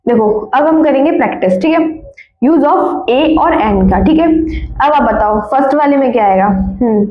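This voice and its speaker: A woman teaching a grammar class in a high voice, drilling words over and over and quizzing her students. The recording is dull and lo-fi, and the room rings with echo. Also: lively intonation. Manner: repeats words and keeps asking students questions; corrects her own slips with quick apologies. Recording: echoey room, dull lo-fi sound.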